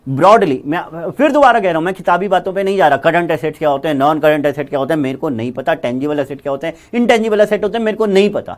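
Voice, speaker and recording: Animated male accounting teacher. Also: on the high side. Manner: animated, repeats key words, chatty. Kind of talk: classroom lecture.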